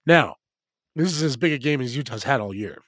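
Male American sports podcaster with a smoky, hoarse rasp; informal, emphatic football analysis, close dry sound. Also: mid-range voice, animated, fairly quick, a bit bright, dry recording. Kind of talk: casual sports talk.

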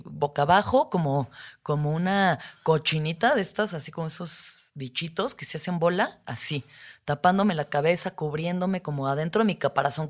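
A woman with a Mexican accent, hosting a podcast and talking candidly about her feelings in casual, slang-filled speech. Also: low-pitched. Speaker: podcast host. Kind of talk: personal reflective monologue.

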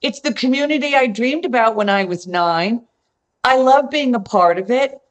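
A woman guest on a podcast, telling a story in a lively, effusive way and repeating phrases for emphasis. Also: fairly high pitch, normal speed. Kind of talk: conversational storytelling.

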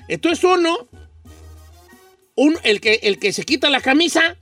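A man's voice: very high-pitched, animated, a little slow, pushed and bright, recorded from a distance, soft background music. A Mexican man from Michoacán hosting a radio show, telling a rambling, slangy story in a casual chat.

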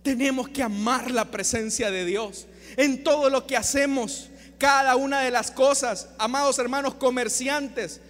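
High-voiced impassioned male preacher. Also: steady tone, a little slow, long reverb tail. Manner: impassioned, swings between shouted emphasis and hushed appeals. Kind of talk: sermon. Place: church service.

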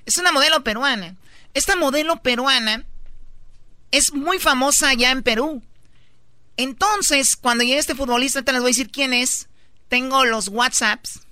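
A woman's voice: high-pitched, pushed and bright, no room sound. A woman co-hosting a comedy radio show, telling a gossip story in a chatty, teasing way.

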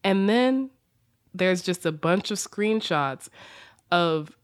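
Animated Southern woman podcast host. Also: on the low side, slow pace, smooth. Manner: animated, joking asides, laughs often. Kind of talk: casual podcast chat.

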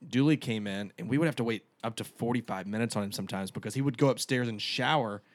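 A man, a sports reporter and co-host, recalling past seasons in a measured, reflective way during casual chat. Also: mid-range voice.

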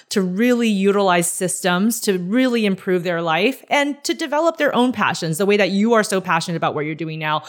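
Encouraging female podcast host, mid-pitched, eager delivery. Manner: warm, enthusiastic, encouraging. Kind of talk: interview hosting and advice segment.

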